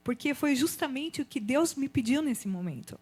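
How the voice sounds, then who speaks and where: A woman shares a heartfelt testimony before a church gathering. Her voice sits a little high, and she tells her story with animated, expressive energy. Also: moderate pace. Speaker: guest giving testimony. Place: church event.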